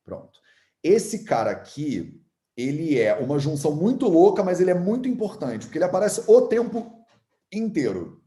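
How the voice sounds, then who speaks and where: A man's voice: on the high side, very animated, moderate pace, dark tone, reverberant. A man with a Carioca accent giving a casual online lesson, chatty and patient, repeating sounds aloud as he explains. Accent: Carioca Brazilian Portuguese. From Rio de Janeiro, Brazil. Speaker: Ayurveda and Sanskrit teacher.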